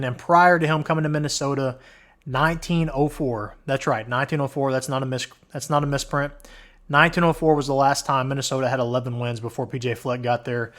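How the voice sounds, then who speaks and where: A man runs through a college football ranking in a loose, casual way, starting each point with "all right." His voice is wearing out as he goes. His pitch sits in a plain middle range. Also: a bit bright. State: losing his voice. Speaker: host. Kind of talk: college football countdown commentary.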